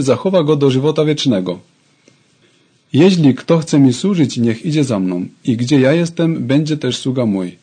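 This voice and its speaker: A man's voice: mid-range voice, warm tone, slightly rough. A man preaching a sermon, fervently addressing his congregation.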